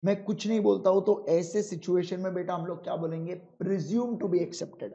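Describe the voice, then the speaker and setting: A man teaching law in an online exam-prep lecture, calling students "my children", asking check questions, and reading rules slowly. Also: high voice, steady tone, mellow. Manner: reads legal rules slowly and with emphasis. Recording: dull lo-fi sound.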